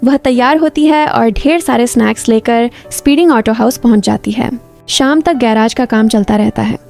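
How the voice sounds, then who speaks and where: Higher, mellow-voiced woman narrating a story. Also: moderate pace, creaky, faint music behind. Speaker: drama recap narrator.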